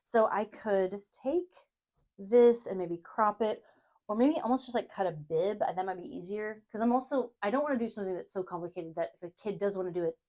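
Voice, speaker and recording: Woman crafting host, casual, rambling, self-deprecating, mid-pitched voice. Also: fairly quick, mellow. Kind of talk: casual brainstorming chat while sewing.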